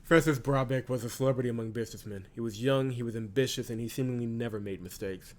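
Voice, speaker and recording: A man with a mid-range voice hosts a visual novel playthrough at a quick pace, reading the narration aloud and reacting casually. Loud game music plays behind his voice.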